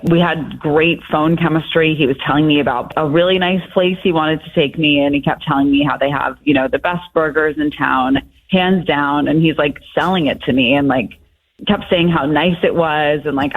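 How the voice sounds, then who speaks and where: A woman's voice: deep voice, husky. A woman heard over speakerphone, the sound squeezed thin and tinny like a phone line. She talks casually and frankly, a little sheepish, easing into a story. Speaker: radio show caller.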